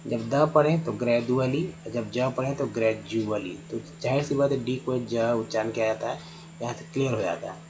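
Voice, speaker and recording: A man's voice: mid-range voice, steady tone, brisk, lo-fi sound. A man teaching English pronunciation, patiently spelling out words letter by letter and repeating each sound. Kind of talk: Hindi-language phonics lesson at a board.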